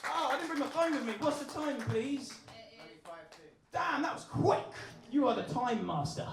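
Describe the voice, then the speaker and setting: A man's voice: very high voice, animated, moderate pace, gravelly. An English man performing live in a music venue, singing and chatting with the crowd in rambling, self-deprecating banter. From England. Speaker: singer-songwriter and comedic performer. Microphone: vocal mic, filmed from the audience. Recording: echoey live venue with guitar. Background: guitar and music.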